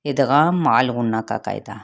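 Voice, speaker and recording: A woman with a Pakistani Urdu accent teaching Quran recitation rules, explaining each letter slowly and carefully. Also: rumbling low, vocal fry. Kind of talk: tajweed lesson with recitation.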